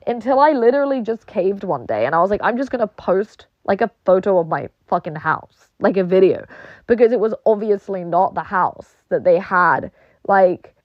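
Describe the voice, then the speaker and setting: In a muffled recording without echo, a young woman with a mid-range voice and a British accent goes on a casual rant full of swearing and "like" fillers. She moved to England from elsewhere and mimics the people she argues with in a mocking tone.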